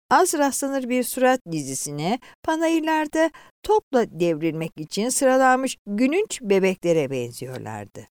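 A woman reading a story aloud in a dramatic, expressive storytelling manner. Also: medium pitch, no room sound, studio quality. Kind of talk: story narration.

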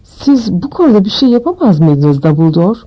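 A woman voicing a stern, anxious older female professor who speaks in urgent hushed tones, in a storybook reading. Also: mid-range voice, very animated, normal speed, poor audio.

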